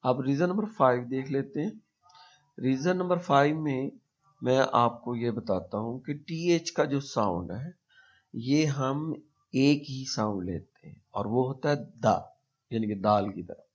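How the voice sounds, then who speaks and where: A man with a Pakistani accent teaching a pronunciation lesson, speaking slowly and deliberately and repeating example words to demonstrate them. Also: mid-range voice, expressive. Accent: Pakistani Urdu-speaking. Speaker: English teacher. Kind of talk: explanatory language lesson. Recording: dull lo-fi recording.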